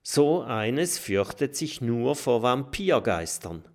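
A man's voice: mid-range voice, sing-song, takes it slowly, darkish tone. A man voicing a grown male badger who explains things in an emphatic storytelling tone. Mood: explaining.

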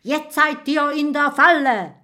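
Woman doing a hoarse menacing ghost lady. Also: fairly high pitch, takes it slowly, voice pushed up. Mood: triumphant. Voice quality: hoarse, threatening.

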